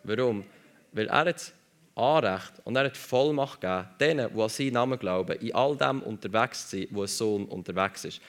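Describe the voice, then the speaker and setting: A man's voice: fairly low pitch, normal speed. A man preaching a sermon emphatically, repeating phrases for stress.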